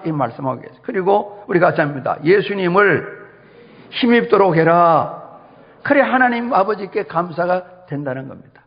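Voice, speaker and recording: A middle-aged man preaches with a lively, swooping delivery and a gravelly rasp at the bottom of his voice. He tells stories and acts out the people in them. The recording is dull and lo-fi, with a long reverb from a large church hall. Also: high voice. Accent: Gyeongsang dialect when quoting. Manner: animated storytelling, acting out quoted voices. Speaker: pastor. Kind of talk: sermon. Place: church sanctuary.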